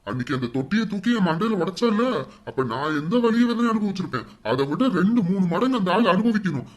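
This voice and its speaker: A gruff, grudge-holding father, acted out by a performer, mid-pitched and talking quickly. He refuses flatly and argues back hard in a comic family skit. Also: lightly acted. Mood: stubborn. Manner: stubborn, gruff.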